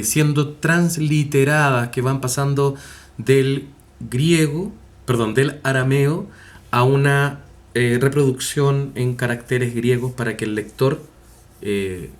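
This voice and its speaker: A man giving a recorded university class, talking with many fillers, self-corrections and rhetorical tag questions. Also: mid-range voice. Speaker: university lecturer. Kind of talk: recorded online class lecture.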